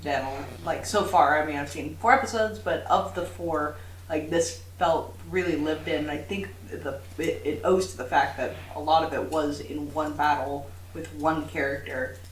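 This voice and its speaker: Low-voiced woman through a tin-can sound. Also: steady tone, moderate pace. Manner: gushing, chatty, laughs easily. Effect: tinny sound, like talking through a tin can. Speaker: podcast co-host. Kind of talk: casual chat. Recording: tinny, echoey home recording with faint hiss.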